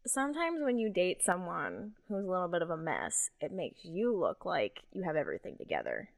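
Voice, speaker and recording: Lively, wry woman podcast co-host. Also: fairly low pitch, a little fast, gravelly, no room sound. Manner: wry, self-deprecating, giggly. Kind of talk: casual chat.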